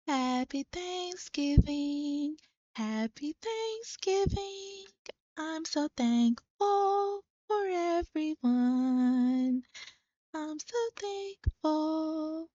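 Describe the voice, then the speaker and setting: A woman voicing a cheerful, grateful female Sim hosting a family holiday meal in a life-simulation game, in a high sing-song voice. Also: steady tone, unhurried, hardly any pauses, dry recording, lo-fi sound. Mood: cheery.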